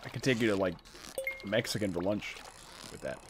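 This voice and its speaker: A man's voice: on the low side, a little fast, background noise. A man chatting casually and teasing his co-op partner while streaming a farming game. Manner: joking, swearing, teasing banter. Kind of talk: casual co-op gameplay chat.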